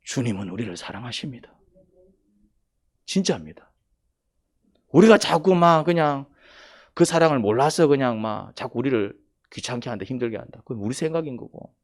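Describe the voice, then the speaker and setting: 경상도 사투리로 설교하는 남성 목사로, 조용하게 말하다가도 크게 힘주어 외치며 강조합니다. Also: male voice, medium pitch, expressive, normal speed, pauses often. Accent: Gyeongsang Korean. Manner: dialect-heavy, emphatic, swings from quiet to loud. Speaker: pastor. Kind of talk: sermon.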